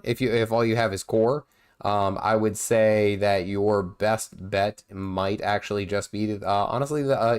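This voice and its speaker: A gaming livestream host with a smooth, lowish voice sounds nasal because he's feeling unwell. He rambles through casual commentary while playing, full of fillers and restarts.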